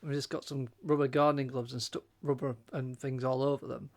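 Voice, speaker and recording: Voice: medium pitch, little pitch movement, fairly quick. A podcast panelist with a mid-range voice shares trivia in casual talk. The delivery is hesitant, with plenty of fillers and repeated words. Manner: hesitant, fact-sharing, many uhs and repeats. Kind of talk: casual chat.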